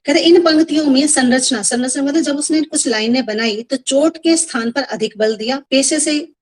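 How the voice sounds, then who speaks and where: A woman teacher runs a Hindi poetry class over a video call, her voice sitting a little high. She explains patiently, circling back over the same example and slipping English words into her Hindi. She calls her students beta as she goes. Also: normal speed, rough recording. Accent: Indian Hindi. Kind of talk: online class lesson.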